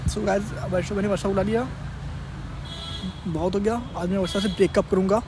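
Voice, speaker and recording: A man's voice: high voice, level tone, fairly quick, background noise. Exasperated young man scolding. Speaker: prank video host. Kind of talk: casual vlog and staged argument.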